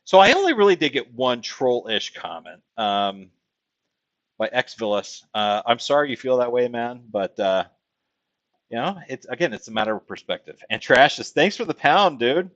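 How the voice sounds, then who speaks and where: A man's voice: mid-range voice, big pitch swings, moderate pace, a bit bright, highs cut off. A man from Texas hosting a casual livestream, rambling with many fillers as he reads viewer comments aloud. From Texas, USA. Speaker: livestream host.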